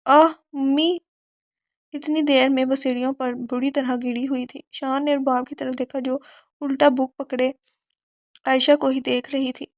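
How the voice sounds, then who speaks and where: A woman reads a romance novel aloud in a high voice. Her delivery stays flat and steady. The recording is dry and close. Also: no room sound, dull audio. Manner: steady storytelling. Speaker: audiobook narrator. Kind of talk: novel narration.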